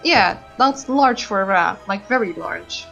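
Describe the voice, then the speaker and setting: A woman's voice: medium pitch, animated, measured pace, gravelly, a bit bright, faint music behind. A woman playing in a tabletop game, offering help with the rules. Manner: helpful, rules-minded. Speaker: player. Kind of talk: casual chat during a tabletop game. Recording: slightly dull, lo-fi.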